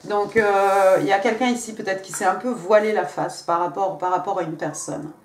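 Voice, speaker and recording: A woman reads tarot cards for her viewers in a loose, chatty way, stopping, restarting and repeating words as she goes. Her voice sits at an ordinary middle pitch. The room around her rings with a noticeable echo. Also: fairly even intonation. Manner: chatty, halting, repeats words, many fillers; speaks directly to the viewer. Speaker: tarot card reader. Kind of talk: casual tarot reading to camera. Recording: echoey room.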